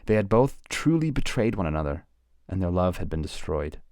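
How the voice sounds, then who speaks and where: A man with a very low voice recounts a novel's plot in a grave, storytelling manner. He stresses key words for dramatic effect. The recording is dry and close to the mic. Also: big pitch swings, normal speed, darkish tone, dry recording. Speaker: book channel host.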